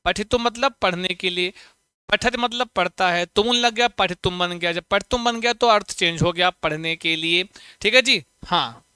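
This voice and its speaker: A man teaching a Sanskrit grammar lesson for exams, chanting sound patterns and firing quick questions at students. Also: sits high, sharp tone, clean tone, dry recording, clean studio sound. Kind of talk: online exam-prep lesson.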